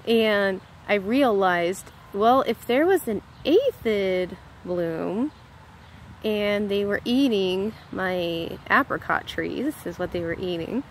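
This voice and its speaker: Speaking to camera, a spiritual vlogger from the United States, a woman in her thirties, delivers a casual monologue that wanders into tangents and self-corrections. She has a medium-pitched voice, and the low-quality recording carries a little hiss or hum.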